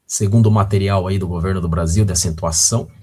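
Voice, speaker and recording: A man's voice: sits low, fairly even intonation, quick pace, mellow. A man with a Brazilian Portuguese accent teaching a recorded video lesson, patient and often checking in with the viewer.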